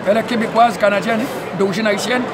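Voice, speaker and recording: A man who interviews at an event, excitable and tagging nearly every phrase with "hein?". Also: high voice, fast talker. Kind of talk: casual community media interview. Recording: noisy crowded public event. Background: crowd chatter.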